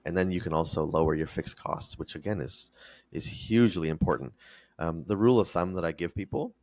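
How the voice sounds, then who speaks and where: A man explaining financial figures step by step, in a didactic interview style. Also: sits low. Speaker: finance expert guest, fractional CFO. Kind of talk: explanatory interview talk with numbers.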